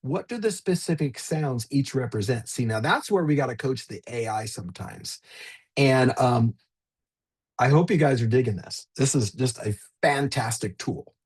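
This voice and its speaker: A man's voice: mid-range voice, lively intonation, normal speed, slightly rough. A man leading a live online teacher training, demonstrating a tool in an upbeat, chatty way and addressing attendees by name over a video call. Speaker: workshop presenter.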